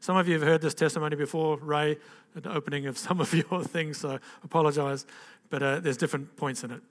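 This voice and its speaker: Speaking fast in a large hall, this older man has a slightly high voice with fairly even intonation. His personal testimony to the gathering is informal and meandering, full of restarts and "okay?" interjections, and he hails from Zambia and Zimbabwe.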